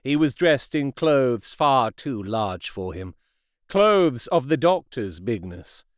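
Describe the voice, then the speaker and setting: A man narrating a classic novel as an audiobook in a measured, expressive way. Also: medium pitch, dry recording, clean studio sound. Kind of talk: scripted narration.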